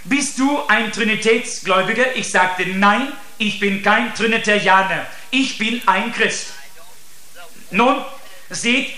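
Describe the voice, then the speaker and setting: Earnest male preacher delivering a sermon, slow and deliberate, roomy sound. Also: high-pitched, sharp tone. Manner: earnest, addresses listeners with repeated "seht". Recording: echoey room.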